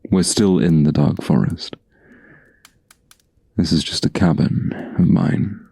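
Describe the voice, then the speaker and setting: In a dry recording with no room sound, a man gives an exaggerated performance as a tender, guarding huntsman for a soft-spoken ASMR fantasy piece. He talks slowly in an antiquated, soothing way, his low voice gravelly and breathy, and the feeling is calm and reassuring.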